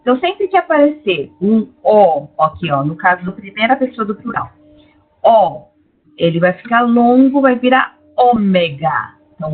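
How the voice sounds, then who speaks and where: A woman's voice: medium pitch, slightly rough. Brazilian woman teaching Greek, tinny audio. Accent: Brazilian Portuguese. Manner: explanatory, checks in with "tá?". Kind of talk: online lecture. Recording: tinny lo-fi online class audio.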